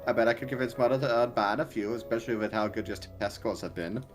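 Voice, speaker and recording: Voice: mid-range voice, quick pace, faint music behind, pitched below the performer's own voice, close to an everyday voice. A player reading aloud the lines of an eager, upbeat caretaker of a child, cheerful and a little stilted. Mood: encouraging. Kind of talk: reading game dialogue aloud.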